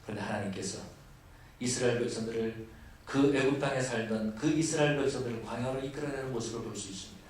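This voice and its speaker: A man preaching a sermon as pastor, moving from quiet, low asides to loud, high, emphatic lists. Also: quick pace, a little hiss or hum. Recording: echoey hall, voice from far off.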